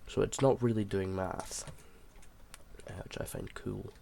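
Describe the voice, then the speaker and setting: Sounding unwell, a video creator gives an informal, hesitant tutorial on a game build, thinking aloud as he goes. His voice is on the low side, steady, unhurried and warm, with clear background noise and mouse and keyboard clicks.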